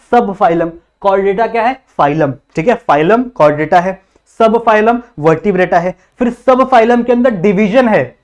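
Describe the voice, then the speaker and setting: A young man teaching a biology class, asking rhetorical questions and checking in constantly. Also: sits high. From India. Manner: repetitive, quizzing students with constant check-ins. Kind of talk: classroom lecture in Hindi-English mix.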